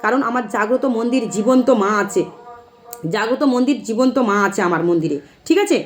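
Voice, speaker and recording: A woman's voice: a little high, expressive, brisk, faint music behind. A woman talking directly to viewers in an impassioned, emphatic way, often checking in with listeners as she makes her case. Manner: emphatic, keeps asking "ঠিক আছে?". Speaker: temple devotee vlogger. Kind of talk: impassioned personal talk to viewers.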